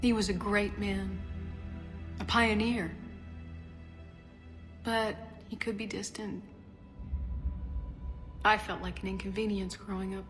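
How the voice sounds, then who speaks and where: Over game music, a woman voices a grieving young female scientist in video game dialogue, halting, hesitant and emotional. Her pitch is medium and her tone a bit bright, though the delivery is flat.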